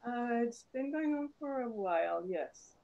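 A woman on a video call in an online class, soft-spoken and a little hesitant. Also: on the high side, expressive, a little slow, vocal fry, dull audio. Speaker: class participant. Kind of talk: introducing herself on a video call.

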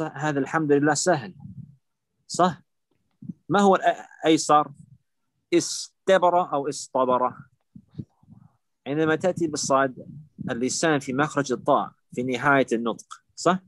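A man's voice: on the high side, fairly quick, pauses often, dry recording, low-quality recording. A man teaching Arabic morphology to students, patiently repeating words and drilling forms step by step. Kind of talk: live online lesson with students.

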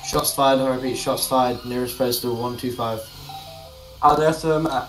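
A man's voice: mid-range voice, steady tone, normal speed, fairly bright tone, faint music behind, poor audio. A man making urgent call-outs over a police radio channel in a roleplay game.

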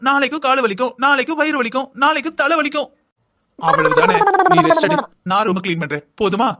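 In cartoon voice acting, a man uses a very high, pushed, bright voice to play a lazy, scheming young wife. She whines and complains in long, sing-song lists.

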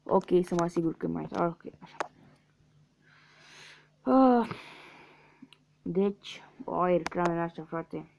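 Gravelly young man muttering game guesses. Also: sits high, pauses often, darkish tone. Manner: muttering guesses, slangy, swears at losses. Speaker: gaming youtuber. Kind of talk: casual let's-play commentary. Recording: dull lo-fi mic with faint hiss.

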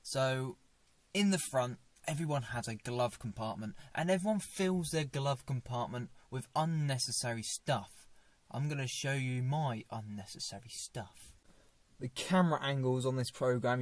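Sitting in a parked small car, a young vlogger shows off its contents to his fixed dashboard camera, cracking dry, self-deprecating jokes in a chatty way. His voice is mid-range, and the recording has no echo.

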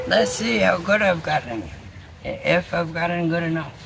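A woman's voice: lowish voice, vocal fry, noisy background. A middle-aged woman chatting casually in a camping vlog, laughing between remarks, filmed outdoors in a backyard by a tent. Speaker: camping vlogger. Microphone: camera on a stand at a distance, later phone at arm's length.

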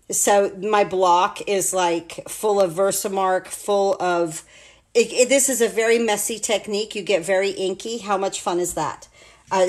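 A woman in her sixties from the United States, chatting and explaining each step as she demonstrates card making at her craft table. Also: mid-range voice. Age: 60s. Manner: chatty, rambling, talks through each step. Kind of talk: live card-making demo. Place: home craft table, indoors.

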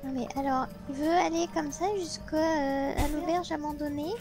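High-voiced woman grumbling wryly. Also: fairly even intonation, normal speed, over music. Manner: wry, grumbling asides. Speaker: co-player. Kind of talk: casual chat while gaming.

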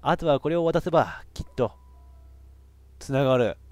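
A man with a giving excitable let's play commentary on a horror game, reacting loudly and laughing often. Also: mid-range voice, moderate pace, no room sound, studio quality, soft background music. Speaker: VTuber game streamer.

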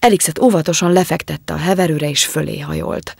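A woman narrates an audiobook in a measured, dramatic way. Her voice is low-pitched and gravelly, recorded close and dry. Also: dry recording.

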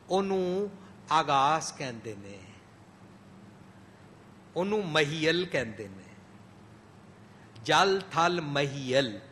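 A man delivers a sermon to a congregation, his voice high, bright and full of lively swings in pitch. He mixes English phrases into his speech, rising to emphatic peaks and then dropping soft. A faint hum of room noise sits behind him. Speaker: Sikh preacher. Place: gurdwara hall.

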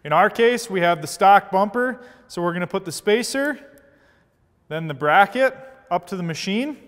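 High-voiced man explaining an install step by step. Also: normal speed, big-room sound. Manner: steady, methodical step-by-step explaining. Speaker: product installation instructor. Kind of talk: scripted how-to narration. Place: large indoor workshop studio.

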